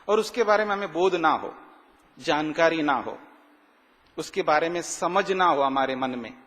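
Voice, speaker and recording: A man delivers a morning sermon in an ashram hall. His voice sits high, and his words ring out with a long echo. He keeps asking rhetorical questions and draws out sacred verses slowly for emphasis. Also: a bit bright. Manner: repetitive, rhetorical questions, slow emphatic recitation. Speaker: swami giving a morning discourse. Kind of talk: sermon explaining ritual mantras.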